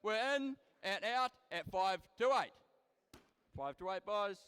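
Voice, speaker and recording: A man's voice: sits high, expressive, a little slow, clean tone, in a large hall. A young man working as a livestock auctioneer, rattling out bids in a repetitive, rhythmic chant of numbers. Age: young adult. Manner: repetitive, rhythmic number patter, forceful calls to bidders. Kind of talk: livestock auctioneer's rapid chanting bid-calling.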